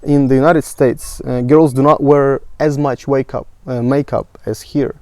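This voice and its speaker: Mellow man asking questions. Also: mid-range voice, steady tone, normal speed, no room sound. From Ukraine. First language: Russian. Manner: inquisitive, asks follow-up questions. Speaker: host. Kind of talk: casual conversation.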